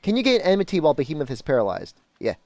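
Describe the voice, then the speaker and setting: A live game streamer who is from Mexico or of Mexican descent chats informally and answers questions in a laid-back way. His voice is on the high side and darkish, with huge pitch swings and very fast speech, recorded dry.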